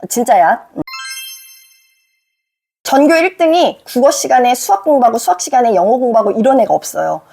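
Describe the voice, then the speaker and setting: A middle-aged woman teacher lectures students head-on, scolding and emphatic, tossing rhetorical questions at them. Her pitch sits a little high and swings widely. The voice carries a husky, gravelly grain. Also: expressive, fairly quick, pauses often, warm tone, faint music behind. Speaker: teacher giving advice to students. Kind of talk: direct lecture to the camera.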